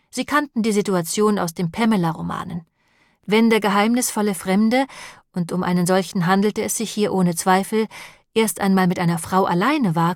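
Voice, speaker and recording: A woman narrating an audiobook in a calm, even storytelling manner. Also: medium pitch, no room sound, studio quality.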